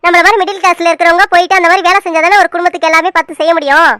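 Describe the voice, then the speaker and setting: A sensible young daughter in a cartoon, voiced by a woman, explains herself patiently and earnestly. Her voice is very high and bright, and the sound is close and dry. She talks quickly. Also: level tone, dry recording.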